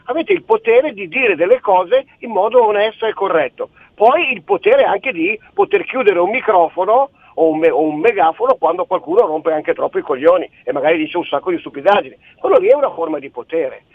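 A man's voice: high-pitched, big pitch swings, fairly quick, hardly any pauses, no room sound. A man calling in to a radio talk show over a telephone line, arguing his point in an insistent, rambling way. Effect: heard over a telephone line. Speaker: caller. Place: on a phone, away from the studio. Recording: tinny phone line, dry.

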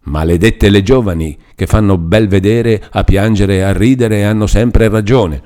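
A man's voice: lowish voice, normal speed, mellow, clear, resonant tone, close to an everyday voice. A man reading aloud and voicing a grumbling, resentful old woman who scolds and coaxes a frightened girl.

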